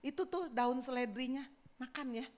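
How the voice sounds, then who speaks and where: A woman voicing her middle-aged husband as a calm, kindly man giving gentle, matter-of-fact advice in a sermon story. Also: high-pitched, moderate pace, natural voice. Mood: gentle, coaxing.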